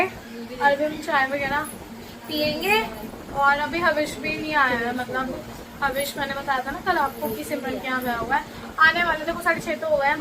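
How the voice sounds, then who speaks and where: A woman's voice: high voice, background noise. A woman hosting a casual family vlog at home, talking chattily into a handheld phone camera and playfully teasing and scolding those around her. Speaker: vlog host and mother. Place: at home, indoors.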